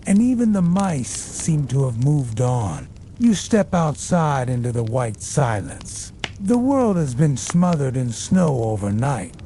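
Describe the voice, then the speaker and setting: A man narrating a scripted bedtime story in a soothing, measured storytelling delivery, as if to help someone fall asleep. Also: on the high side, dark tone, a little hiss or hum.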